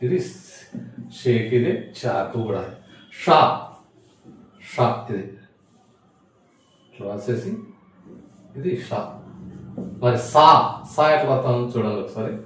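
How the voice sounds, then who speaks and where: A man teaching how to write letters, repeating each sound slowly and patiently as he writes. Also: medium pitch, animated, a little hiss or hum. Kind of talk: writing-board lesson on Tamil letters. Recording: echoey room, voice from far off the mic.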